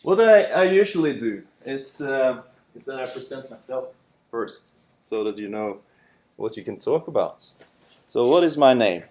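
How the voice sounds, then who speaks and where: A Norwegian lecturer with a medium-pitched, darkish voice introduces a seminar, expressive and unhurried. He's from Norway, speaks with a Norwegian accent, and talks loosely with many fillers, recorded in an echoey lecture room.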